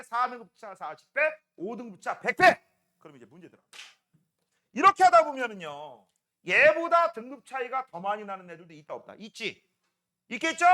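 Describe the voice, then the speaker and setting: A male science teacher lecturing a classroom, firing quick check-in questions at his students. His voice sits high and bright, and his pitch leaps around animatedly, jumping between loud calls and quieter asides. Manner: quizzing students with constant check-ins. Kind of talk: classroom lecture to middle schoolers.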